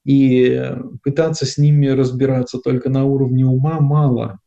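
A man giving a reflective spiritual talk on prayer, speaking softly and unhurriedly with many pauses and fillers. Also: medium pitch, steady tone, vocal fry. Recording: dull lo-fi recording.

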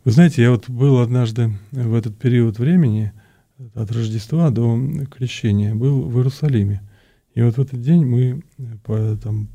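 A man's voice: mid-range voice, dark tone. A man, a priest being interviewed, explains things conversationally, often repeating words and searching for his phrasing. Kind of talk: conversational explanation, answering questions.

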